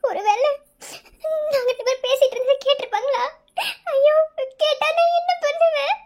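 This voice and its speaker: A tearful young woman in a cartoon, crying and stammering through her words. Her voice sits very high and thin. A performer voices her. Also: normal speed, darkish tone. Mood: panicked, sobbing. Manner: stammering, sobbing. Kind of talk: cartoon voice acting.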